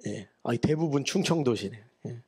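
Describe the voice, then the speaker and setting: A man's voice: mid-range voice, expressive, moderate pace, breathy edge. A middle-aged man with a Chungcheong accent, a guest pastor preaching a revival sermon in a folksy, chatty way, joking with the congregation. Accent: Chungcheong Korean. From Chungcheong, Korea. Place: church sanctuary.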